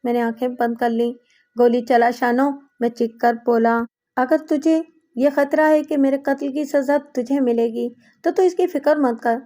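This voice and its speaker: A woman's voice: sits high, warm tone, close to an everyday voice. A woman voicing a hot-tempered, tormented young man in an audiobook, reading his lines with impassioned pleading. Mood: desperate.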